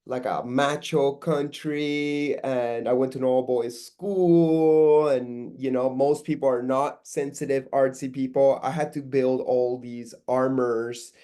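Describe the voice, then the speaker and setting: A middle-aged man from Peru, a guest artist talking casually in an interview, relaxed and rambling with many fillers and restarts. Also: mid-range voice, slow pace, hardly any pauses.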